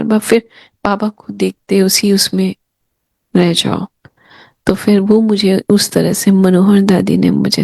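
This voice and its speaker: A middle-aged woman sharing childhood memories with a gathering in an unhurried storytelling manner, acting out the voices of her elders and her younger self. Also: medium pitch, creaky, a little mellow, dry recording. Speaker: spiritual speaker sharing memories.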